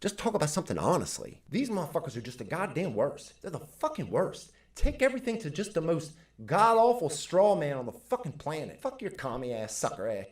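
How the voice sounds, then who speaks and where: A man delivers an angry, profanity-laced reaction rant. His pitch swings widely as he argues back at a clip. He sounds like he is hosting his own commentary channel. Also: very animated, brisk, hardly any pauses. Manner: heated, profane, ranting. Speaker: reaction video host.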